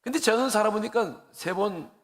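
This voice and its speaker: A man's voice: high voice, moderate pace. A man, a pastor, preaching an earnest, conversational sermon, laughing at himself now and then as he tells stories. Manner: earnest and conversational, with rising emotional emphasis. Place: church sanctuary. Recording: long church reverb.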